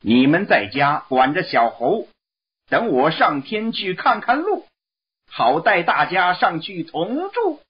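A man voicing a brash, cocky male monkey king in a shrill, excited voice for a read-aloud story. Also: takes it slowly, husky, full character voice. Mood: eager. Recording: dull lo-fi recording.

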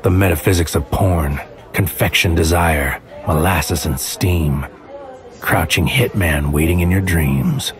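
Here a man whose voice sits low plays a haunted, paranoid hitman, narrating a poetic inner monologue for a surreal audio drama. The scripted noir narration is slow and deliberate, often hushed to a whisper, and music plays under it.

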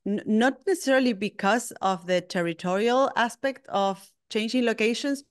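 A woman's voice: mid-range voice, clean tone. A middle-aged woman from Argentina with an Argentine Spanish accent, a native Spanish speaker, answering interview questions in a thoughtful way that restarts often. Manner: thoughtful, frequent restarts and ums. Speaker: guest, lettering artist.

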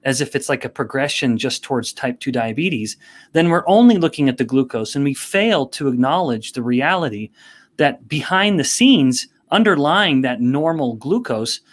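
A man speaking as a guest on a podcast interview. He explains in a measured, careful way at an ordinary pitch. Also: animated. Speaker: guest expert.

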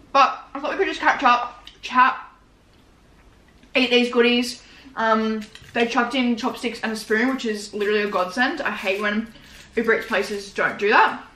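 Bright-voiced young Australian woman, mukbang chat. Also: mid-range voice. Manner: informal, slangy, rambling. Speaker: vlogger. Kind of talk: casual chatty mukbang vlog while eating. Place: small living room, indoors. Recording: roomy indoor echo.

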